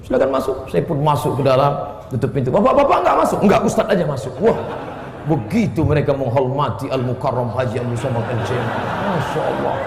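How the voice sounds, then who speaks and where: Humorous preacher in an echoey hall. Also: male voice, mid-range voice, a little fast, vocal fry, background noise. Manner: humorous storytelling, lively voice swings, chanted Arabic verses. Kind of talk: sermon. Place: mosque hall.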